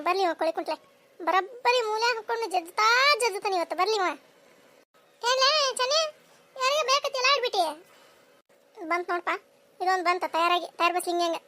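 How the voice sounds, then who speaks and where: A voice actor playing bickering, nosy village women in a cartoon, with a North Karnataka Kannada accent and a sped-up, high-pitched voice. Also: sharp tone. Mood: grumbling, then nagging. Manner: shrill, scolding, quick back-and-forth banter. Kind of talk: cartoon voice acting.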